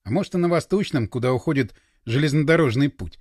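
A man reading a first-person novel aloud as an expressive audiobook narrator, close to the microphone. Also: a little high, fast, no room sound. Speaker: audiobook reader.

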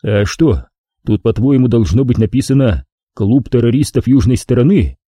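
A man reading an audiobook gives the first-person hero a gruff, exasperated voice close to his own. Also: mid-range voice, lively intonation, moderate pace, warm tone, no room sound. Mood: grumbling. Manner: grumbling, exasperated.

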